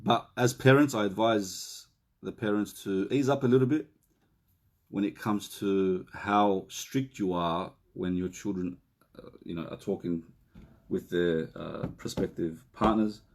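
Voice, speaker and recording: A middle-aged man giving relationship counselling in a live question and answer session, chatting casually, reading out viewer questions and slowing down to repeat key points. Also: fairly low pitch. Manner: conversational, reads out viewer questions; slows down and repeats key phrases.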